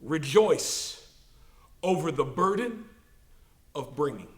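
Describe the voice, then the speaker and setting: A pastor preaching a sermon, swelling to emphatic peaks and slowing to stress key words. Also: male voice, fairly high pitch, expressive, echoey room. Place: church sanctuary.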